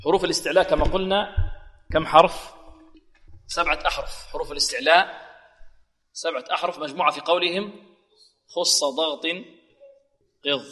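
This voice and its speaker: A man teaching Quran recitation to students, asking them questions and reciting examples slowly and carefully. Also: on the high side, fairly even intonation, pushed and bright, long reverb tail. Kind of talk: tajweed lesson with slow demonstrations.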